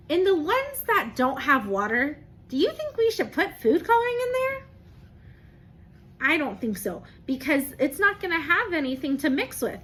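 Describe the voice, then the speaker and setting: A woman with a high, slightly bright voice gives an interactive lesson to young children on camera. She explains in simple steps, asks questions, and encourages and praises her listeners as though they respond.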